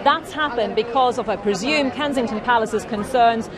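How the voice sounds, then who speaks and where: A woman's voice: a little high, moderate pace. A woman giving live breaking news as a reporter outdoors, improvising with some hesitation as updates come in. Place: outdoors outside a hospital. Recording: cheering crowd behind. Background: large cheering crowd.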